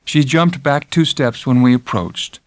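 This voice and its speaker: An audiobook reading of a literary first-person story comes from a man with a mid-range voice. He is dramatic, intense and measured, moving between hushed lows and swells, and there is no echo.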